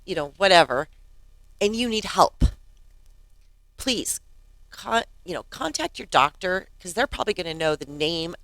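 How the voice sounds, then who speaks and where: A podcast host in her fifties tells a story from home in a relaxed monologue. Her voice sits a bit low, and she keeps it chatty and animated. The sound is close and dry. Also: measured pace, pauses often, no echo. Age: 50s. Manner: chatty, laughs often, acts out quotes.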